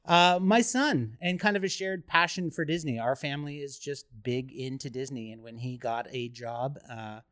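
A man's voice: medium pitch, moderate pace, few pauses, a bit bright, no room sound. Man, middle-aged, interview guest, dry close sound, easygoing casual talk, through a face mask. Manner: affable, easygoing. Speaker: museum creative director, interview guest. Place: in a museum.

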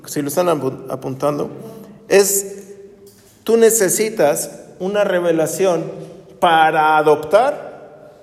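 A man's voice: high voice, expressive, unhurried, vocal fry, a little mellow, roomy sound, long reverb tail. A man preaching a sermon as pastor, talking conversationally with rhetorical questions.

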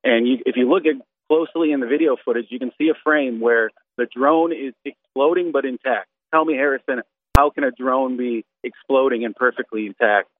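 A man's voice: medium pitch, a little fast, no echo. Rambling man caller over the phone. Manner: rambling, full of "you know" and "like". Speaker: radio call-in caller. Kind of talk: casual chat. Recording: tinny dry phone line.

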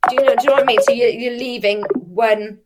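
A woman's voice: a little high, fairly even intonation, quick pace, over loud music. Chatty woman being interviewed, says her r's like w's, explains stuff with examples, corrects herself as she goes. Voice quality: cannot pronounce R well, says w for r. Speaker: athlete and youth sports coach. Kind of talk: casual interview answers.

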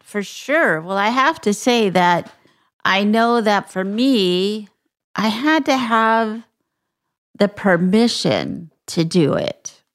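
A woman hosting a podcast interview, speaking in short, slow remarks to her guest. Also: medium pitch, expressive. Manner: short, slow affirmations and questions. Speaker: podcast host. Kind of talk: casual interview.

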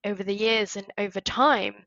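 A woman's voice: mid-range voice, steady tone, normal speed, fairly bright tone, lo-fi sound. A woman from Spain chatting as an interview guest, telling stories with lots of fillers and acted-out quotes. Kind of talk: casual interview chat.

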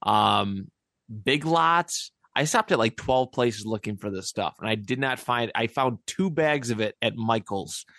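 A man's voice: medium pitch, animated, a little slow, vocal fry, fairly bright tone, no room sound, clean studio sound. A man hosting a casual sports podcast, rambling and laughing often. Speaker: podcast host.

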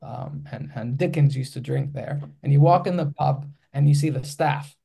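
A man's voice: mid-range voice, normal speed, vocal fry, dark tone, slightly rough. A Greek-accented man in his forties, a filmmaker guest in an interview, speaking hesitantly with many restarts. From Greece.

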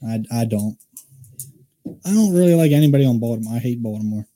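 A man's voice: medium pitch, lively intonation, fast, dark tone. A man co-hosting a casual sports chat, rambling and opinionated, restarting his sentences often. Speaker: podcast co-host.

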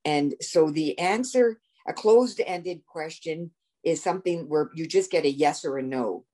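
An older woman with a notably low voice for a woman speaks in a calm, instructive manner. She talks as a former nurse and counselor. Her delivery is measured and steady. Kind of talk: casual conversation.

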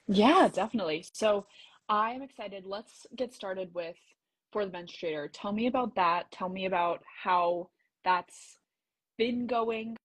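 Upbeat woman host with a husky voice. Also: medium pitch, unhurried, dry recording, poor audio. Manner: upbeat, encouraging. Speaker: podcast host. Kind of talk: casual interview.

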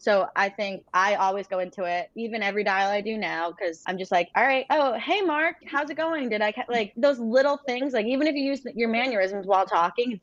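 A young woman talking casually in an interview, chatty and animated, with frequent fillers. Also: mid-range voice, no echo. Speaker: interview guest, former sales rep. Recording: dull, dry lo-fi sound.

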